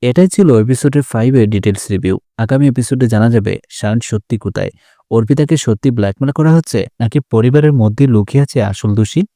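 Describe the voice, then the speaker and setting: A man narrating a scripted recap of a TV serial episode in a steady storytelling manner. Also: medium pitch, fairly quick, no room sound, studio quality. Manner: steady storytelling, greets viewers.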